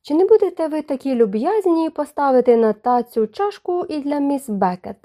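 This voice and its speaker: A wry, bedridden young gentleman, read by a woman narrator in a storybook reading. He speaks dryly and with a teasing command, his voice mellow and a touch high. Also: lively intonation, normal speed. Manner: dry, teasing.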